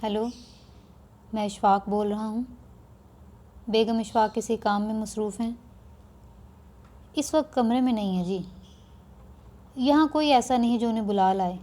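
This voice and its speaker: A woman's voice: fairly high pitch, long pauses, dark tone, close to an everyday voice. A sick, irritable husband complains from his bed in a peevish, groaning way, as a woman teacher voices him. His lines come out a little raised and fed up. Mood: stiff.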